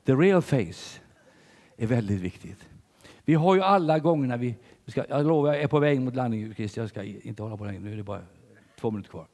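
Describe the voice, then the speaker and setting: An older man preaching a sermon in church, telling stories with big swings between loud and hushed delivery. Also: medium pitch, lively intonation, hardly any pauses, big-room sound.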